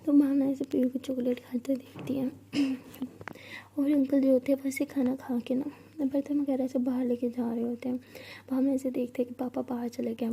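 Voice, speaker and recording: A woman narrating a romance in an intimate, breathy whispered storytelling style. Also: high-pitched, dark tone, a little hiss or hum.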